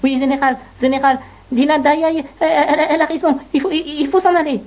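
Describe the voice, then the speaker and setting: A woman's voice: sits high, steady tone, fairly quick, a little mellow, dull audio, lightly acted. A woman voicing a timid, stammering male ant soldier who pleads in fear with his general. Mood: frightened.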